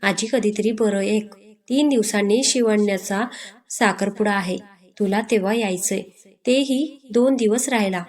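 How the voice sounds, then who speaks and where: A bossy, scolding old grandmother voiced by a woman reading a storybook speaks in slow, drawn-out commands. She sounds fond but firm, and she is always giving orders. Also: medium pitch, darkish tone, lightly acted. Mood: insistent.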